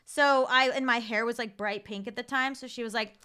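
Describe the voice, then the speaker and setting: A woman in her thirties, a podcast guest telling stories in casual chat, animated and quick to swear. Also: fairly high pitch, smooth.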